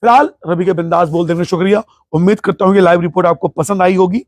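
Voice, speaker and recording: Passionate man with a high voice. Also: steady tone, fast talker, dry recording. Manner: passionate, emphatic, patriotic. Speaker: host of a cricket talk show. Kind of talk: opinionated cricket commentary monologue.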